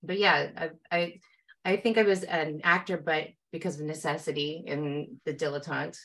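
A woman's voice: low voice, fairly even intonation, normal speed, a bit bright. A middle-aged woman from Canada, a film producer speaking casually as a guest, often repeating phrases for emphasis. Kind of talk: casual conversation.

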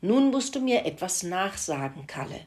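A woman voicing a calm, stern male tomcat who leads a barnyard meeting in a children's story, with an admonishing manner. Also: on the low side, normal speed.

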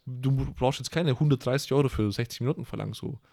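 A young man talks in a loose, rambling way, full of slang and crude jokes. His voice sits at an everyday middle pitch. The recording is dry and close. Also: quick pace, vocal fry, a little mellow, dry recording. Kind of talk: casual slangy chat.

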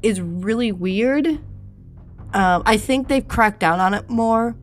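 Woman, true-crime narrator, hiccups, stumbling reading, lots of fillers, mid pitch, soft music underneath. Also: slow. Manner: stumbling, apologetic, many fillers. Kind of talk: casual scripted reading with asides.

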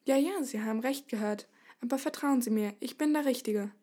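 A woman playing a small, round knight in a storybook, calm and unshakably confident. He is cheerful, self-assured and a little high-voiced. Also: fairly quick, natural voice.

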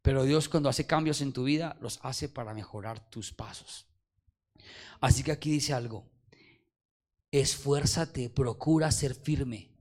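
Pastor preaching with call-and-response. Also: male voice, mid-range voice, unhurried. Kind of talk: sermon. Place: church service.

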